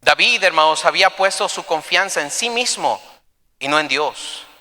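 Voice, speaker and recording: A pastor preaching an impassioned sermon, retelling a story with dramatic flair. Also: male voice, on the high side, expressive, moderate pace, sharp tone, long reverb tail. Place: church.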